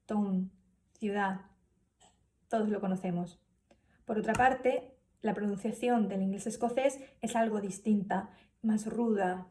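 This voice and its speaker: A woman's voice: medium pitch, darkish tone, distant mic. A woman giving a spoken class presentation, hesitant, with many fillers and restarts. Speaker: student presenter.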